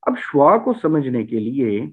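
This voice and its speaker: A man from Punjab gives a spoken phonetics lecture on English vowel sounds, repeating example words with heavy stress. His husky, mid-range voice is very animated and a little slow, and the recording sounds tinny, like a phone.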